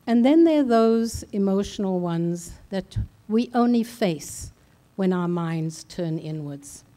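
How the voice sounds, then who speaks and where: An older woman from South Africa giving a slow, deliberate personal speech at a conference, with measured, solemn pauses. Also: mid-range voice, lively intonation, dark tone. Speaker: conference speaker. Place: large conference hall.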